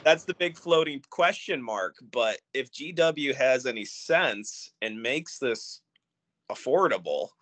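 A man co-hosting a gaming podcast, chatting casually, animated and trailing off at times. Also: medium pitch, slow pace. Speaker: podcast co-host. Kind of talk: casual chat.

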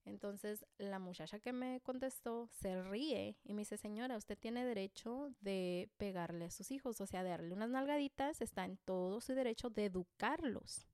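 A woman's voice: medium pitch, normal speed, hardly any pauses, a little mellow, clear, resonant tone, dry recording, clean studio sound. A woman with a Mexican accent, a mother telling a personal story to camera in a casual, joking and self-deprecating way, full of slang.

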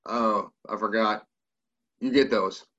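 A middle-aged American man banters on a podcast in a bright, forceful voice. He is joking and irreverent, and the recording is slightly dull and lo-fi. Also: on the low side, fairly even intonation, takes it slowly. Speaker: podcast co-host. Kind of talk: casual banter.

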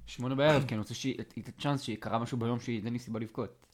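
A man co-hosting a casual podcast chat, a joking storyteller who talks in a lively, teasing way. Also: medium pitch. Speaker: podcast co-host.

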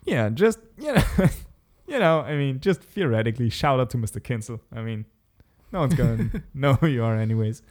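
A man's voice: medium pitch, animated, brisk, a little mellow. A man casually telling a story in a chat, swearing often and laughing as he talks. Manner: laid-back storyteller, swears often, laughs mid-sentence.

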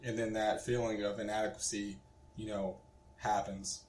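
A man's voice: lowish voice, level tone, normal speed, darkish tone, slight background noise. A man in his twenties co-hosting a casual podcast, rambling with lots of fillers. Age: 20s. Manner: rambling, filler-heavy, laughs easily. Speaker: podcast co-host. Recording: echoey room.

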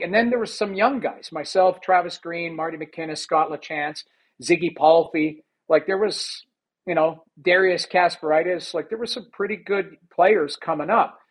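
A man, a former hockey goalie, telling stories in a casual interview, animated and rambling with many fillers. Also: high-pitched, poor audio.

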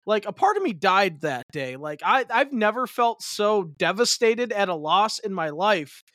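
A man with a notably high voice talks wrestling on a podcast in a loose, rambling way. He circles back with fillers and restarts his sentences often. The sound is dry and close, with no room around it. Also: big pitch swings, a little slow, sharp tone, no room sound. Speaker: podcast co-host. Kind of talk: casual wrestling chat.

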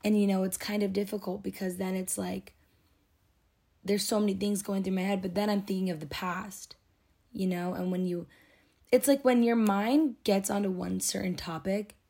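A raspy-voiced woman in her twenties hosts her own podcast, speaking at a normal speed with a warm, medium-pitched tone and fairly even intonation. Her solo monologue is casual, rambling and confessional, packed with filler words.

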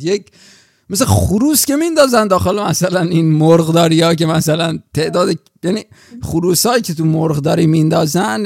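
Gravelly man reacting dramatically. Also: on the high side, no echo, studio quality. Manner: dramatic reactions, exclaims and groans, jokes crudely. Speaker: podcast co-host. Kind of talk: casual chat.

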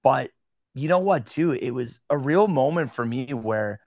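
A man's voice: medium pitch, no room sound, lo-fi sound. A young man with a Western New York accent, telling stories as a guest in a casual interview. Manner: animated storyteller, quick asides. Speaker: podcast guest, sports card media host.

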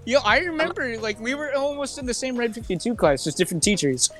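A man's voice: very high voice, expressive, fast talker, music in the background. A young man from the United States in casual voice chat, slangy and sweary like a frat bro. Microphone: voice chat on Discord.

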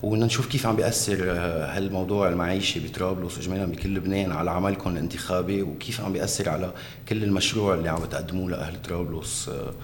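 A man with a Lebanese Arabic accent hosting an interview show. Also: low-pitched. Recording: echoey room, faint background noise.

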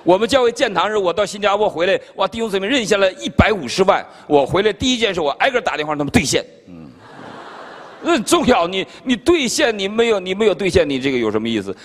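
Older Chinese male pastor, animated story-driven sermon, lively pitch, long hall reverb. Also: quick pace. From China. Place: conference hall.

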